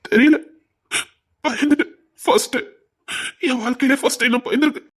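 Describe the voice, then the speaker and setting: A husky, breathy voice voices a remorseful husband in an audio drama, as an actor plays him. He has a Tirunelveli Tamil accent and pleads and apologizes with deep feeling. His pitch sits in a middle range. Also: steady tone, fairly quick. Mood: tearful. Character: remorseful short-tempered husband.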